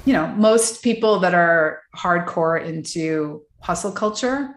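A woman's voice: lowish voice, lively intonation, measured pace, echoey room. A woman wellness and mindset coach, talking casually and reflectively in a podcast interview, with many fillers and restarts.

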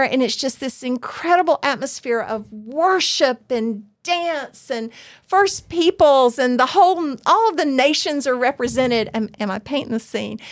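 A woman, co-hosting a podcast and telling a story in a chatty, animated way. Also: a little high. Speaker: podcast co-host. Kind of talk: casual podcast chat. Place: studio room with soundboards.

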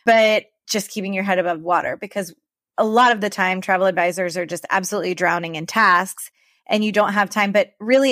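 Woman podcast host rambling away about sales stuff, mid pitch, dry close sound. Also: no room sound. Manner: chatty, rambling, animated explaining. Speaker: podcast co-host, travel advisor. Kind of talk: casual podcast chat.

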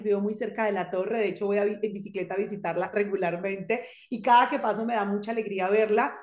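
A Colombian woman with a Colombian accent speaks as a podcast guest, upbeat and emphatic, with reflective turns. Her voice sits at a middle pitch. The room around her leaves a noticeable echo. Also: darkish tone. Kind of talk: casual interview.

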